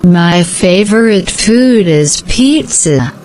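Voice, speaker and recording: A woman giving slow, scripted answers in a repeated language-practice dialogue. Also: lowish voice, expressive, darkish tone, soft background music, poor audio.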